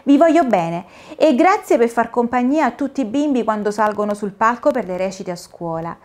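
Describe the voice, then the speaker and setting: A woman's voice: high voice, big pitch swings, normal speed, pitched above the performer's own voice. A woman voicing a kind little girl who speaks with eager wonder. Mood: grateful. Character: amazed little girl, kind and wide-eyed.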